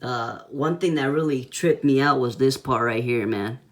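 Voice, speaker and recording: A man's voice: mid-range voice, moderate pace. A man giving a casual hands-on toy review in laid-back, slangy talk, with a whistle on his s sounds.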